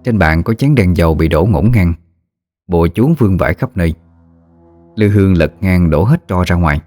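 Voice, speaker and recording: A man narrating a ghost story in a steady, measured storytelling voice. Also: low voice, dry recording, faint music behind.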